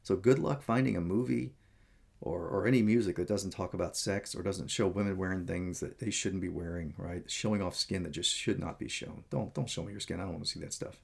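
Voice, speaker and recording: A man's voice: low-pitched, steady tone, a little fast, creaky, slightly rough. A man talking in a casual, rambling vlog monologue, candid and meandering as he tells stories. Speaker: vlogger.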